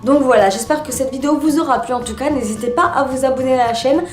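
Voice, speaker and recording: A woman's voice: high voice, fast, a little mellow, faint music behind. Chatty woman vlogger, echoey room. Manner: chatty, many fillers and restarts. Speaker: beauty vlogger. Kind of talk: casual haul video.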